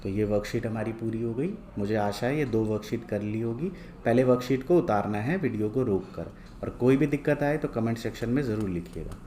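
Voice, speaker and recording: A man teaching a lesson from worksheets, reading each word twice, slowly and clearly, and asking questions he then answers himself. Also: on the low side, warm tone, a little hiss or hum. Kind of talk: slow, patient lesson going through worksheets.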